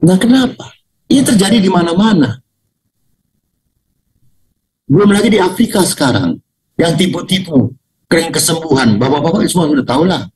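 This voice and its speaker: An older man preaches over a video call in a fairly high voice. He is animated, jumping up into loud, mocking highs and dropping into low, quiet asides. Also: normal speed, long pauses, rough recording. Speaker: pastor.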